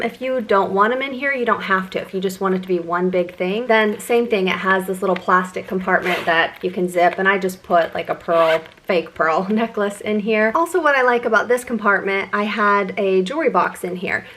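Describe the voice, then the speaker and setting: A woman's voice: mid-range voice, moderate pace, few pauses, fairly bright tone. A middle-aged woman vlogger giving a chatty, enthusiastic product review. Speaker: beauty vlogger.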